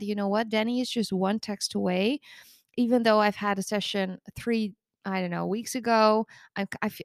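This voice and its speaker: This thirty-something recovery coach talks through a casual solo episode of her podcast, congested from the flu, in a frank, chatty, self-deprecating way. She specializes in eating disorder recovery. Her medium-pitched voice sounds gravelly over a dry, clean studio recording.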